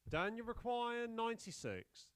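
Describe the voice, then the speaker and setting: A man's voice: very high voice, very animated, measured pace, background noise. A man working as a darts score caller, announcing scores and legs in short, formal calls.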